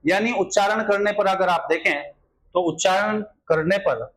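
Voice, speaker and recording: Male grammar teacher, high-pitched, exam-prep lesson, repetitive rhetorical style. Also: moderate pace, fairly bright tone, a little hiss or hum, rough recording. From India. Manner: repetitive filler phrases, rhetorical questions to students.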